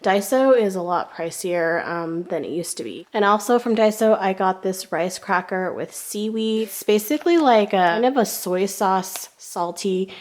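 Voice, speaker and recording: A woman's voice: mid-range voice, expressive, moderate pace, hardly any pauses. Chatty woman vlogger losing her voice. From United States. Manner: chatty, shows items one by one with prices. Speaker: shopping haul vlogger. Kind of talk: casual haul chat.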